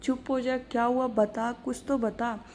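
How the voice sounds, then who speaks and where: A caring young man talks to a crying friend casually and soothingly, as a woman narrator plays him. The voice stays soft and mellow, not pushed lower. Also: flat delivery, measured pace, a little hiss or hum. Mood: comforting. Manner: casual, comforting.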